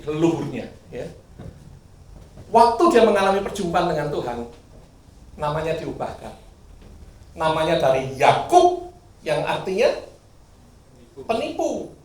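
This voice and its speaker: Male pastor, animated sermon delivery, roomy echoey church sound with faint background noise. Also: on the high side. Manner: lively, swings from loud bursts to quiet asides, sings briefly. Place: church hall. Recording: echoey hall, mic at a distance.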